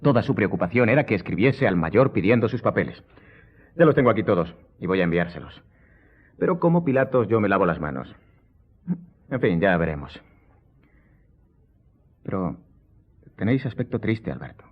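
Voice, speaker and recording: An actor playing a worldly, self-assured count in a radio drama, with a courtly, theatrical and wryly ironic manner. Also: male voice, lowish voice, very animated, moderate pace, pauses often, breathy edge. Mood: wry, animated. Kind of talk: Spanish radio drama acting. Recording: muffled, phone-like radio recording.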